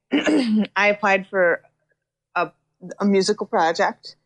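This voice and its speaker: A woman singer-songwriter chats easily with an interviewer. She laughs often and fills her sentences with casual fillers. Her voice sits at a middle pitch. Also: takes it slowly. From Chicago area. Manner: lively, laughs often, uses many fillers.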